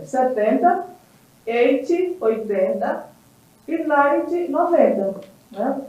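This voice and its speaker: A woman from Brazil teaching a televised English lesson, slow and patient, pausing often to check that the class follows and repeating key words. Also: high voice, darkish tone. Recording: roomy, distant, dull sound.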